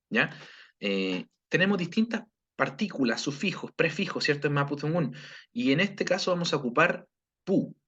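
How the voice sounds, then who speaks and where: Chilean man, language teacher on a video lesson, patient, keeps checking in with students, mid-pitched voice, slightly dull lo-fi sound. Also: a bit bright. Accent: Chilean Spanish. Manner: patient, checks in with frequent "¿ya?" and "¿cierto?"; slow, careful pronunciation of example phrases. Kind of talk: recorded video lesson review.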